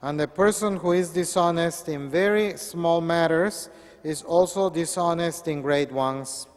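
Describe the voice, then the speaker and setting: Priest in an echoey church. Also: male voice, on the high side. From Peru. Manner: measured, earnest preaching. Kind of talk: Gospel reading and sermon.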